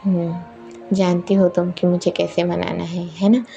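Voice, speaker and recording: A woman voicing a young woman who is upset that her girlfriend ignored her calls, firing off sharp, quick reproachful questions. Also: on the low side, little pitch movement, gravelly, lo-fi sound, faint music behind. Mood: apologetic.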